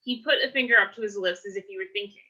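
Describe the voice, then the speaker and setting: A woman reading a novel aloud in steady narration. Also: medium pitch, fast talker, rough recording. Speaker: book reader.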